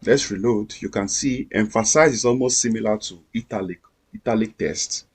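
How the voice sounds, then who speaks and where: A man's voice: on the low side, moderate pace, breathy edge. A man teaching a screen-recorded coding lesson, explaining each step patiently and repeating himself. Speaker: coding instructor.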